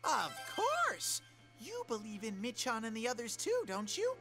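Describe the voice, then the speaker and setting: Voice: medium pitch, huge pitch swings, a little slow, sharp tone, exaggerated voice. An actor voicing a cheerful, fretful bear mascot in a video game, bubbly and playful. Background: game music.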